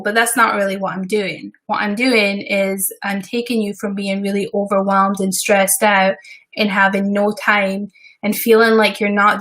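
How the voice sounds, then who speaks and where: A woman's voice: medium pitch, a bit bright. A Scottish woman who designs websites, talking casually and rambling through a live work session with many asides. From Scotland. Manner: chatty and rambling, with frequent fillers and asides. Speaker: web designer hosting a live stream.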